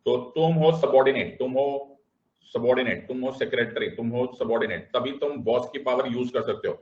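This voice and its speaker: A man teaching a classroom lecture, animated and repeating checks on whether everyone understands, switching between Hindi and English. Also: medium pitch, fairly quick. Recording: roomy, dull classroom sound.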